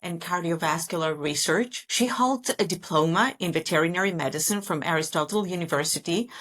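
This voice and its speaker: A veterinary specialist serves as podcast host, her lowish, fairly bright voice moving briskly. She sounds enthusiastic and complimentary through scripted introductions and interview talk.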